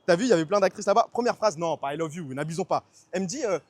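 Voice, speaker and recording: A young man telling a story on a casual outdoor stream, quick and slangy, acting out the people he quotes. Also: high-pitched, lively intonation, dry recording. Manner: fast slangy storytelling, acts out quoted voices. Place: outdoors on city streets. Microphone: phone stream mic with noise suppression.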